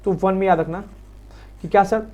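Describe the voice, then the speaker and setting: A man with an Indian accent giving a quick exam revision lecture on law, talking fast and repeating key points to his students. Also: high voice, steady tone, darkish tone, muffled recording. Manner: quick, repetitive, addresses students as sir. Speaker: law teacher.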